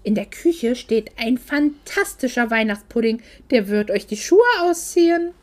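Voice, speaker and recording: A woman's voice: on the high side, lively intonation, unhurried, a little mellow. A woman voicing a cold, dismissive middle-aged mother who talks down to her grown daughter in a curt, condescending way. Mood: cool, reproachful.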